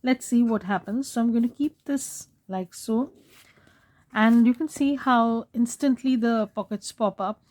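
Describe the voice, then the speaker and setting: A craft channel host narrates a casual journaling tutorial at a slow, unhurried pace, her fairly high voice hoarse because she is losing it. She talks softly in a mellow, dark tone and stops often to clear her throat.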